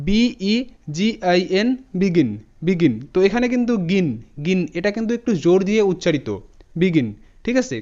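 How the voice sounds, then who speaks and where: A man teaching an English spelling lesson, spelling words out letter by letter in a steady explaining manner. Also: high voice. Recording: dull lo-fi audio.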